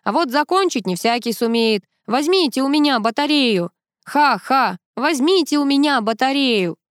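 A raucous, boastful male raven from an audiobook, as a woman puts him on. He caws his lines loudly from a raised pitch, with a dry, close sound. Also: animated, normal speed, no echo. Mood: smug. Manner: loud, cawing delivery. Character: boastful male talking raven, mimics speech.

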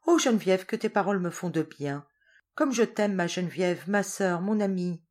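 A woman reading the part of a gentle, reassuring young man in a storybook. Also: fairly low pitch, moderate pace, close to an everyday voice. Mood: tender. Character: young man, gentle loving childhood friend.

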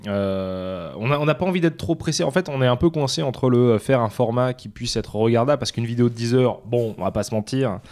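A young man trades quick jokes and teasing remarks with his co-host on a relaxed podcast. His voice sits at an average pitch for a man. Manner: joking, quick teasing banter. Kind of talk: casual chat.

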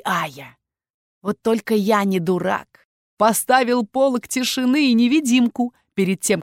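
A woman's voice: medium pitch, dry recording. Woman voicing possessive young dragon-shifter man, insistent near-whisper, storybook read, dead-dry booth. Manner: hushed, insistent, heated whisper. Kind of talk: audiobook character voice.

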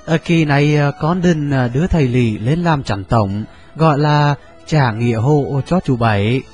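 Người đàn ông đóng quan huyện khúm núm trước mẹ, ậm ừ, giọng miền Trung, nhạc nền nhỏ. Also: male voice, medium pitch, normal speed, a little mellow, faint music behind, close to an everyday voice. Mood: deferential. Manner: hesitant, full of fillers. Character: district mandarin son, deferential and scheming.

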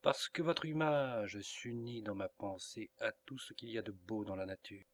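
A man's voice: fairly low pitch, moderate pace, dry recording, close to an everyday voice. A man reading the lines of an earnest young woman in love, in a pleading, emotional audiobook reading. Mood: tender.

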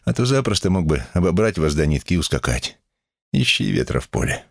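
A man's voice: deep voice, big pitch swings, brisk, creaky, dry recording, clean studio sound, heavily acted. Man doing a brash, touchy teenage boy. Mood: cocky.

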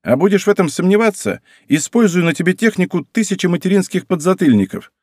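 A man doing a boastful young girl, high, lively, mock-pompous, audiobook. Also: fast talker, no room sound, studio quality. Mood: playful boasting. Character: playful haughty girl, cheeky and theatrical. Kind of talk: audiobook reading.

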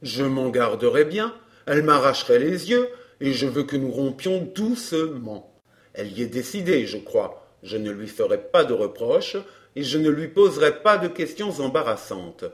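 A man voicing a smug, scheming fake baron, smooth and mocking in an audiobook drama. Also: medium pitch, big pitch swings, moderate pace, natural voice.

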